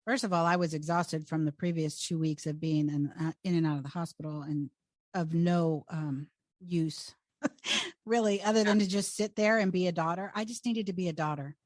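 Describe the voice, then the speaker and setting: A woman's voice: on the low side, normal speed, darkish tone, dry recording, studio quality. An American woman in casual conversation, sharing stories and asking questions as a co-host.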